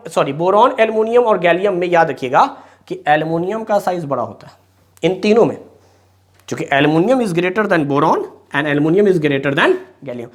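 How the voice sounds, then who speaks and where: A man teaching a chemistry lesson, explaining patiently, repeating key points and calling his students beta. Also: high voice. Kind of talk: classroom lecture.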